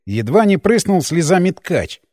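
A man narrating a first-person adventure audiobook with ironic, lively storytelling. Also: sits high, normal speed, dry recording, studio quality. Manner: lively, ironic storytelling, hero's lines shouted up.

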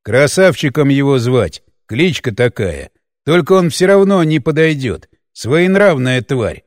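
A man voicing a sly, grumbling male weaver, the hero's companion in an audiobook, speaking in a slow, grudging mutter. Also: mid-range voice, very animated, no echo, clean studio sound. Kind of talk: audiobook character voice.

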